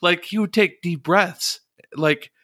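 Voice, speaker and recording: A man's voice: high-pitched, slow pace, bright, forceful tone, dry recording, clean studio sound. A man hosting a casual gaming podcast, chatty and frank, laughing often. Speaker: podcast host.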